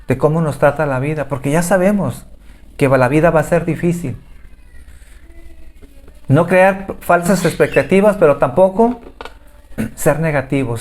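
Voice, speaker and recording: Male pastor, higher-pitched voice, fervent pulpit prayer, phrase ends drop away, repeats "Lord" constantly. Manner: repeats "Señor" at nearly every phrase, trailing off softly; fervent, stumbling restarts. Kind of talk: closing sermon prayer.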